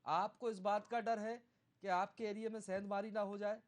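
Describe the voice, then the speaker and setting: News anchor guy, slightly high voice, keeps pushing the guests with pointed questions. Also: flat delivery, moderate pace. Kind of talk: TV debate moderation.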